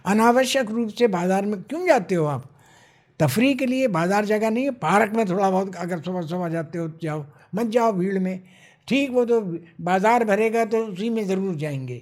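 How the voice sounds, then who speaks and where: A man in his nineties, a retired official and writer, speaks slowly and reflectively in an interview, with Urdu-flavored phrasing. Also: high-pitched, animated, a little mellow. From India. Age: 90s. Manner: slow, measured speech with Urdu phrasing, recites verse.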